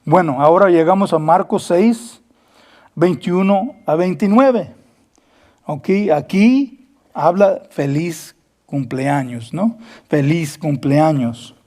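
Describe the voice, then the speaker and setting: Slow, earnest male pastor. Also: a little high, a little mellow. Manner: switches between Spanish and English, acts out quoted dialogue; slow, earnest, repeats words. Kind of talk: Bible study sermon.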